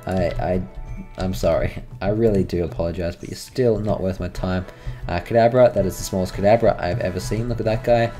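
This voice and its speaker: A man's voice: low-pitched, fairly even intonation, a little fast, warm tone, soft background music. A man, rambling chattily through let's-play game commentary and talking to his in-game creatures. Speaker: gaming channel host.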